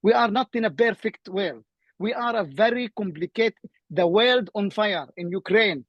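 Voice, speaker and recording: Impassioned Palestinian-accented man, high voice. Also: normal speed, no echo, lo-fi sound. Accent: Palestinian Arabic. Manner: urgent, insistent, repeats phrases. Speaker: seminar participant. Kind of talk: impassioned argument in online seminar. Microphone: video call.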